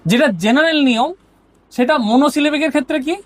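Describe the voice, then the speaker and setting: A woman's voice: high voice, quick pace. A woman teacher with a Bengali accent explaining grammar step by step and often checking that her students are following. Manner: explains step by step, often asks "ঠিক আছে?".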